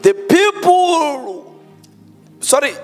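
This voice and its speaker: A pastor preaching into a pulpit microphone, emphatic and drawn out, mixing in Xhosa words. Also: male voice, extremely high pitch, sing-song, extremely slow. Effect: speaking into a pulpit microphone. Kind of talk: sermon. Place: church hall. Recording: long hall reverb, faint music behind.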